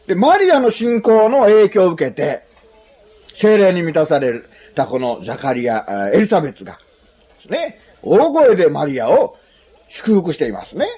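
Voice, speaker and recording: A male preacher whose husky voice swings widely up and down as he talks. He delivers his sermon in a chatty, joking way. He keeps tagging his points with a questioning "ne" for the congregation. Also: a little high, big pitch swings, moderate pace, warm tone. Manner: chatty and humorous, often adds a questioning "ne"; asks the listeners questions.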